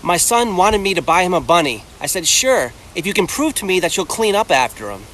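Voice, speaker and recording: A man, a father, telling a comic anecdote in a deadpan storytelling manner. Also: sits high, fairly quick, slight background noise.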